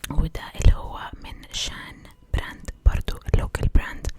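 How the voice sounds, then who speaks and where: A young Egyptian woman doing ASMR in an intimate, breathy whisper, mixing in English words and softly repeating words as triggers. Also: fairly quick.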